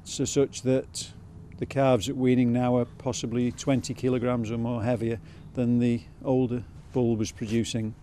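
A man farmer in his fifties speaks in a measured, matter-of-fact way. His voice is mellow and even, with little movement in pitch. Faint outdoor noise sits behind him. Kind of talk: interview answers. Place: outdoors in a farmyard.

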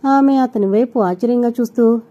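A woman reading an audio novel aloud, with steady storytelling narration. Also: a little high, a little fast, highs cut off.

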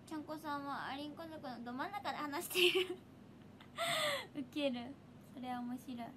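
Young woman streamer, Hiroshima accent, high-pitched and giggly; casual chat with viewers, phone mic close up. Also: sing-song, moderate pace, pushed and bright, a little hiss or hum. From Hiroshima, Japan. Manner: giggly, chatty, laughs often. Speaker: idol livestreamer. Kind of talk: casual livestream chat reading viewer comments.

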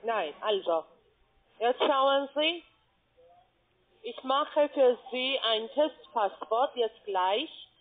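A woman, working as a cold-call adviser, halting and often checking for agreement. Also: a little high, expressive. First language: not German. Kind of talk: scripted sales phone call. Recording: muffled narrow phone line.

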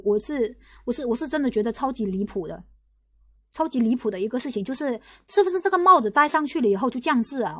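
A young woman from Guangdong hosting a casual livestream, talking in rapid bursts full of restarts and repeated rhetorical questions. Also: fairly high pitch, a bit bright, no room sound, studio quality. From Guangdong, China. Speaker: livestream host.

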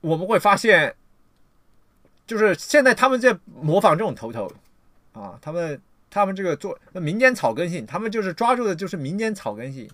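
A man lectures his livestream audience in a scolding, emphatic way, swearing freely. He swings from loud outbursts down to low muttering in a slightly high voice. The sound is close and dry. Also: sing-song, fairly quick, no room sound. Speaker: livestream lecturer on political theory.

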